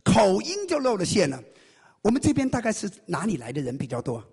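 Gravelly, lively man preaching a sermon. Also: sits high. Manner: quizzes the congregation with rapid questions; animated storytelling. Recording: long hall reverb.

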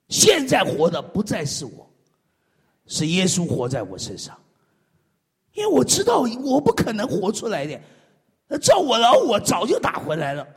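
Animated male preacher in an echoey hall. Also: breathy edge. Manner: animated, swings from loud exclamations to low murmured amens. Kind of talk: sermon.

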